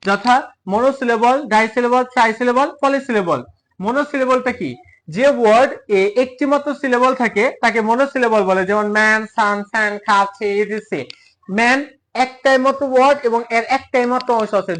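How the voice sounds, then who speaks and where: A man's voice: very high-pitched, fairly bright tone. A male English teacher giving a classroom lesson, asking questions and answering them himself, and spelling words out syllable by syllable.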